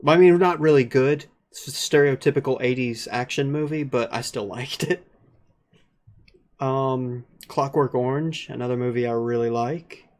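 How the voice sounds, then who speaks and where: A man's voice: medium pitch, steady tone, normal speed. A young man co-hosting a casual podcast, joking crudely and swearing freely as he rambles. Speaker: podcast co-host.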